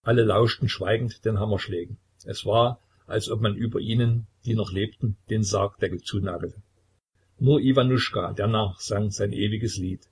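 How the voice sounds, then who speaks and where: Low, husky male storyteller. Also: fairly even intonation. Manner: measured, grave. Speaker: audiobook narrator. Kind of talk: scripted literary narration.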